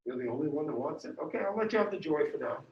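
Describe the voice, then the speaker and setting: A man's voice: fairly high pitch, lively intonation, racing, creaky. A male math teacher giving a classroom lecture, upbeat and walking students through each step. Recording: dull echoey room sound from far off.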